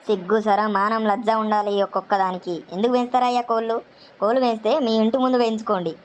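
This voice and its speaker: A woman with a Telangana Telugu accent playing a quarrelsome village woman who curses loudly at stray hens. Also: a little high, fairly even intonation, racing, a little hiss or hum, lightly acted. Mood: ranting. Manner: loud cursing rant.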